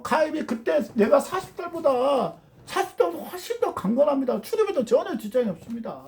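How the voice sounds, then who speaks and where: Preacher, fervent sermon delivery, gravelly edge, mid-range pitch, keeps asking the congregation questions. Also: darkish tone. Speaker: pastor.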